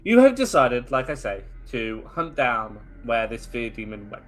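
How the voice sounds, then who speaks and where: Lively-pitched man running a tabletop game. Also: a little slow, faint music behind. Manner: animated, storytelling, chatty asides to players. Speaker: game master.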